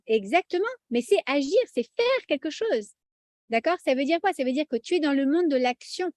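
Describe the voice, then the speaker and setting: A woman teaching a lively religious lesson to an audience, chatty and animated, often checking in with the audience. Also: sits high, normal speed, no echo, clean studio sound.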